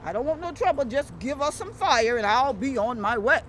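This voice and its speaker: A woman with a Lowcountry Gullah Geechee accent voicing a proud male leopard in a folktale, courteous yet insistent. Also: expressive, moderate pace, fairly bright tone. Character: proud, polite male leopard seeking fire. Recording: clearly noisy background.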